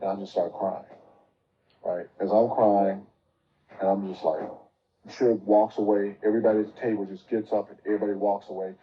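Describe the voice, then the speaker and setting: Brief: man guest, lowish voice, vivid casual storyteller, dull lo-fi sound. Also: little pitch movement, brisk, a little hiss or hum. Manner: vivid narration, acting out quoted people. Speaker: interview guest recounting events.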